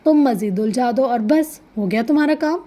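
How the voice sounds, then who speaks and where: A woman's voice: a little high, expressive, warm tone. A woman voicing a sly, scheming older woman giving confident advice, in a storybook reading.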